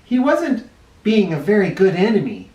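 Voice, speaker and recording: Reading a children's story aloud, this man uses a high, very animated voice with a slightly mellow quality at a normal speed. He adds dramatic emphasis as though addressing young listeners directly. The sound is roomy and echoing, captured by a somewhat distant mic.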